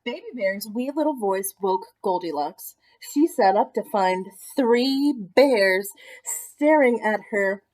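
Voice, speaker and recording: Expressive woman reading to children. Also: on the high side, low-quality recording. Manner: expressive, gently engaging with child listeners. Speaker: art teacher reading aloud. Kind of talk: children's story read-aloud.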